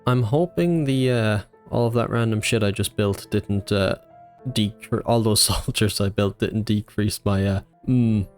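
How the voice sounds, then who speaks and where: Man with a dry, low voice-over. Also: unhurried, soft background music. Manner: dry, joking narration. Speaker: gaming YouTuber. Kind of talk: scripted gameplay voice-over.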